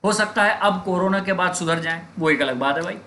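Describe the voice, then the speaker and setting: A man's voice: high-pitched, bright, forceful tone, slight background noise. A man teaching English vocabulary in Hindi, drilling each word over and over with frequent hesitations. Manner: slow, repetitive drilling of words with many fillers. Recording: echoey room with faint ambience.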